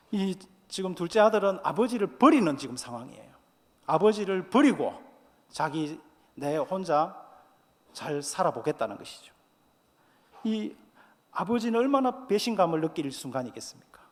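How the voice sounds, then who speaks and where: A male pastor delivers an earnest sermon in a slightly high voice, asking his listeners questions and building his points. The sound hangs in a long, reverberant church hall. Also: darkish tone. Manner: earnest, with rhetorical questions and quoted scripture.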